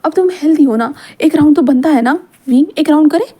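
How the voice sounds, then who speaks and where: A woman voicing a teasing, affectionate young male lover in a read-aloud fan story, coaxing and drawn-out. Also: high voice, warm tone, pitched above the performer's own voice, lightly acted. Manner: playful, coaxing, drawn-out endearments.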